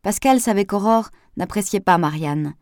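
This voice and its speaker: A woman narrating an audiobook in a steady, even reading voice. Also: medium pitch, moderate pace, no echo, studio quality.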